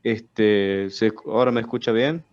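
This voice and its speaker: A man's voice: on the low side, fairly even intonation. A man, a student in an online class, speaks hesitantly over a choppy, crackly call line that keeps breaking up. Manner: hesitant, fills pauses with "este". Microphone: computer or phone on a video call. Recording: dull, lo-fi call audio.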